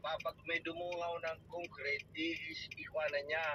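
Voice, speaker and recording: A high-pitched man answers in short, mumbled bits during a casual car chat. He sits well away from the mic. Loud engine and road noise nearly buries him. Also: flat delivery, normal speed, distant mic.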